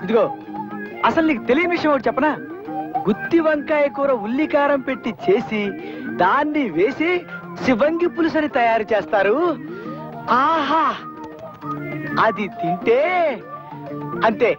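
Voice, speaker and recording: An actor playing a food-obsessed husband who lectures slowly and with relish about dishes. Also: male voice, extremely high pitch, animated. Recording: dull film soundtrack with music.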